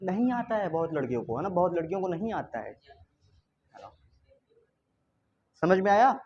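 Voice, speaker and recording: A male teacher running a reading drill for his class, quizzing them with repeated call-and-response questions and coaxing and teasing them to answer louder. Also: sits high, very animated, moderate pace, slight background noise. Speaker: English teacher. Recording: slightly dull lo-fi recording.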